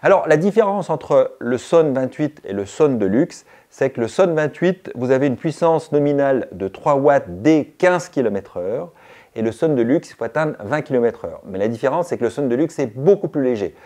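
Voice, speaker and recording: A man's voice: medium pitch, lively intonation, normal speed, dark tone. A man hosting a cycling channel, giving a chatty gear review and explaining step by step to his viewers.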